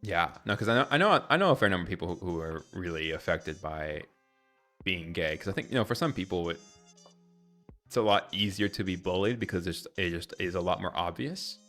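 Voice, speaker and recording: A man's voice: deep voice, expressive, fairly quick, bright, forceful tone, soft background music. A young man from Ecuador chatting candidly on a live stream, rambling and correcting himself as he answers viewers. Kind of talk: casual live-stream chat.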